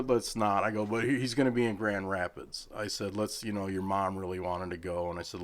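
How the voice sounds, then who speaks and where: A middle-aged man, a charity head, telling a story in casual chat and acting out the people he quotes with lively swings in pitch. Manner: animated, acts out quoted people with raised pitch.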